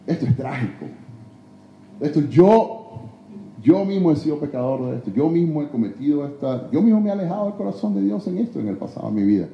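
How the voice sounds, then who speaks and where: A man preaching a sermon in a church, emphatic, swinging between loud exhortation and hushed confession. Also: fairly high pitch, very animated, brisk, creaky, dull audio. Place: church sanctuary. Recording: echoey church hall.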